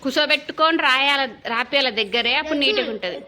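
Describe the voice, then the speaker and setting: Mom in her thirties, quick and chatty daily vlogger, slightly high voice. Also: pushed and bright, a little hiss or hum. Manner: brisk, chatty, talks to the camera while cooking. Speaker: vlogger and mother. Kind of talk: casual daily vlog chat. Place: home kitchen.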